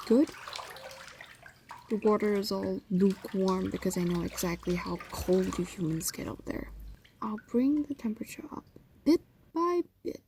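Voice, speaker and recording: In an intimate roleplay audio drama, a woman voices a possessive, doting female fox demon, coaxing and teasing in a soft, breathy, mid-range voice that drifts into whispers. A little hiss or hum is audible.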